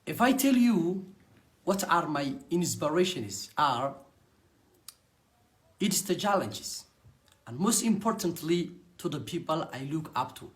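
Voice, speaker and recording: With big swings in pitch and a voice that sits a little high, a young native Somali speaker with a Somali accent gives an earnest personal story about his network marketing business in short, halting phrases.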